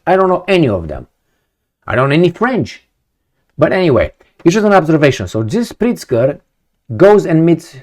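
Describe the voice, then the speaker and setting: A man from Romania, giving a rambling opinion monologue to camera, full of rhetorical questions and repetition. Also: a little high. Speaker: video commentator.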